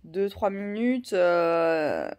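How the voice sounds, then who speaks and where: A woman's voice: fairly low pitch, big pitch swings, drawn-out words, a little mellow. Rambling French-speaking woman vlogger. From France. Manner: rambling, many fillers and restarts. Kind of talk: casual vlog chat.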